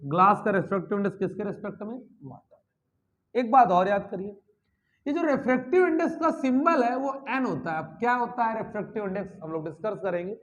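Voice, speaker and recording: High-voiced man teaching physics. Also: brisk, fairly bright tone, dull audio. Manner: asks the class questions and answers them himself, calls students "beta"; mixes English terms into Hindi, repeats key words. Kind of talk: classroom lecture.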